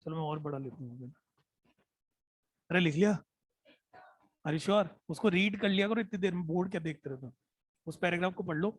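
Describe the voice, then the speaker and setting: A man teaching biology in an online class, mixing Hindi with English terms, dictating notes slowly and repeating each phrase, often checking in with "hai na?". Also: high voice, breathy edge, dry recording. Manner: mixes Hindi with English terms, calls students "beta".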